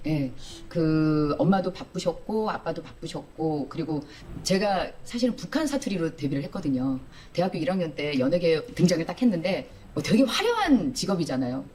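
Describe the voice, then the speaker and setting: A woman comedian telling her personal testimony in a played video clip, animated and acting out her own outbursts. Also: lowish voice.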